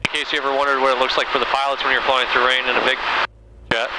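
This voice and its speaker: A man piloting a small plane, giving relaxed instruction, radio calls and casual chat over a pilot headset. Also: medium pitch, fairly quick. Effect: pilot headset radio sound. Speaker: pilot guiding a passenger at the controls. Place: small airplane cockpit in flight. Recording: loud small-aircraft engine and radio noise.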